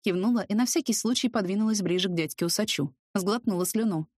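A woman narrating a first-person audiobook in a lively, expressive way. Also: mid-range voice, fast, no room sound, studio quality.

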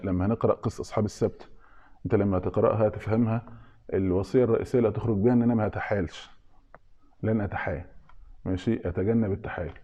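Very fast-talking Egyptian man teaching. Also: lowish voice, lo-fi sound. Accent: Egyptian Arabic. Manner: asks questions of listeners and answers them himself. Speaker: religious teacher. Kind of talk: informal religious lesson.

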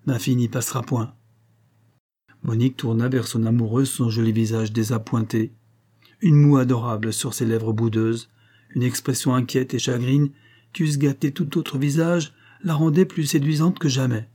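A man reading a classic novel aloud as an audiobook, narrating in a measured, even way. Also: mid-range voice. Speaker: audiobook reader.

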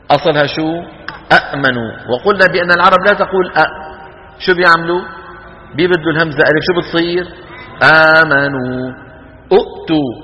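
A man teaching Quran recitation to a class, demonstrating vowel lengths and quizzing his students. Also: fairly high pitch. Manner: lively, asks the class questions and demonstrates long vowels. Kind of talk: classroom lecture. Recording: hall with long reverb.

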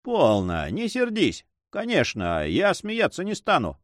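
A man's voice: on the high side, wildly swooping pitch, measured pace, no echo, clean studio sound, pitched above the performer's own voice. Man doing Don Sancho, a teasing young nobleman. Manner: ironic, light, bantering.

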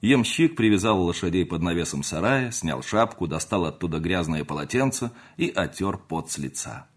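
A man narrating a classic novel as an audiobook, measured and expressive. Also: low-pitched, breathy edge.

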